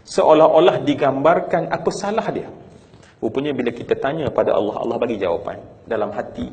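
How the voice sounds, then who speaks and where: Gravelly Malaysian preacher, rising to cries. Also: male voice, mid-range voice, animated, a little fast, muffled recording, slight background noise. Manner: emotional, swings from hushed to crying out. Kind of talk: sermon storytelling.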